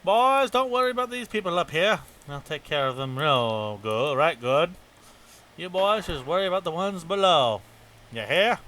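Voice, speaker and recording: A man's voice: mid-range voice, sing-song, normal speed, long pauses, pushed and bright, distant mic. A man putting on a folksy, mock-threatening voice as a backwoods rifleman in a game, with a noisy recording. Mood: mock-menacing. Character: menacing drawling male backwoods rifleman.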